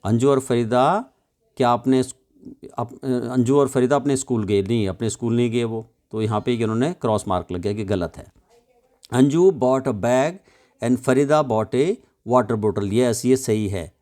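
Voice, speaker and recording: A male teacher gives an English lesson to young children, explaining in Hindi. He talks slowly and patiently, spelling each word letter by letter. His voice sits at an ordinary middle pitch. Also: warm tone. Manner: slow, patient explaining with frequent check questions.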